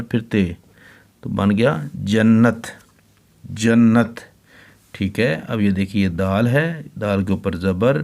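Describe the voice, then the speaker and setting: A man, teaching children to read. He talks at a very slow, deliberate pace in a lowish voice. He spells each word letter by letter and says it twice. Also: vocal fry, darkish tone. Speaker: Urdu teacher.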